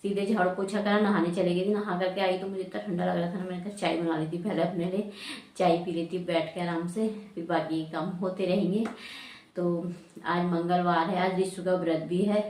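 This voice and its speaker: A woman's voice: lowish voice, darkish tone. A woman in her thirties chatting casually through a home vlog, rambling and laughing often as she goes. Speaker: vlogger. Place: home, rooms and rooftop.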